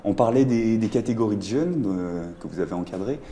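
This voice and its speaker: Dark-voiced male radio host. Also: fairly low pitch, lively intonation, brisk, a little hiss or hum. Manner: prompting, often finishes guests' sentences. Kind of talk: radio interview.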